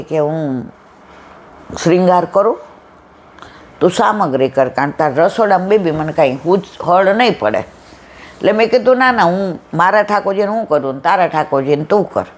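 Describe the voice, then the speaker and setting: A woman giving a devotional satsang talk, telling stories and acting out the dialogue lively. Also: low voice. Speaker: satsang speaker.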